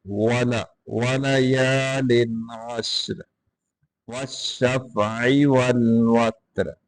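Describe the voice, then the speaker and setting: Man, Quran teacher, drawn-out recitation, brisk pronunciation corrections, very slow, level pitch. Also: darkish tone. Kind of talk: Quran recitation with tajweed lesson.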